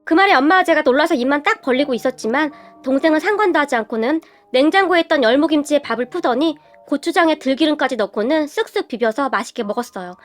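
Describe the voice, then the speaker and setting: Woman storyteller, lively gossipy narration, high voice, faint music behind. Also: fast talker, hardly any pauses. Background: faint background music.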